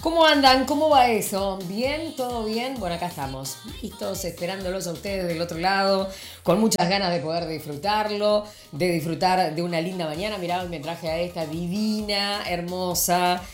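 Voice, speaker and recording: Hosting a morning radio show from the studio, a woman with an Argentine Spanish accent offers a warm greeting and then rambles casually, with lots of fillers and restarts. Her voice is on the low side at a normal speed, in an echoey room with faint music behind her.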